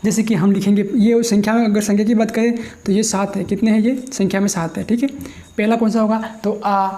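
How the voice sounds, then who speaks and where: Mellow-voiced male teacher dictating slowly. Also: high-pitched, little pitch movement. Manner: dictates slowly while writing, repeating phrases; asks questions and answers them himself. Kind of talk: grammar lesson for students.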